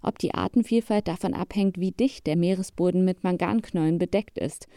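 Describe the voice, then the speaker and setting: A woman's voice: fairly low pitch, brisk, mellow, dry recording, clean studio sound. A woman reading scripted narration for a science report in the manner of a nature documentary.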